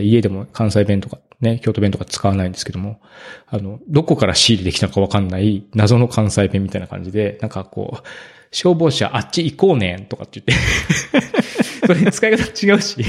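A man in his thirties chatting casually as a podcast co-host, telling stories in a relaxed way and growing animated when amused. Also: lowish voice, fairly quick, gravelly. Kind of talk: casual chat.

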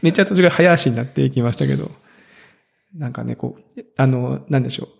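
A man's voice: medium pitch, fast, creaky, breathy edge. A man in his thirties as a podcast co-host, chatting in an easygoing, self-deprecating way with chuckles. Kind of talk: casual chat.

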